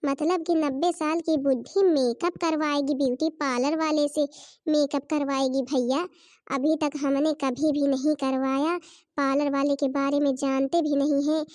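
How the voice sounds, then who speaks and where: A woman's voice: sits high, steady tone, normal speed, a little mellow, dry recording, clean studio sound, lightly acted. A woman doing a mocking village gossip. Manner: scoffing, mocking tone.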